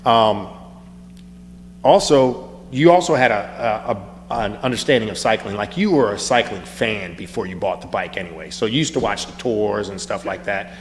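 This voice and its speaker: A man's voice: on the low side, lively intonation, normal speed. A man hosting a casual podcast from his bike shop, joking and rambling with restarts. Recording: reverberant room, faint background hum.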